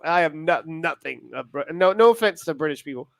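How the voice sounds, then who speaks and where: A man with an American accent and a high voice, recorded dry. He co-hosts a casual live show, rambling excitedly and often restarting his thoughts midway. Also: a little fast, vocal fry, no room sound. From United States. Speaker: show co-host.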